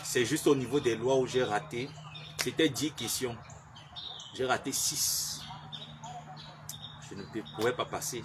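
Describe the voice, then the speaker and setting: A man's voice: mid-range voice, noisy background. A man chatting casually and jokingly to his viewers, repeating himself as he talks. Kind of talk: casual chat reacting to viewers.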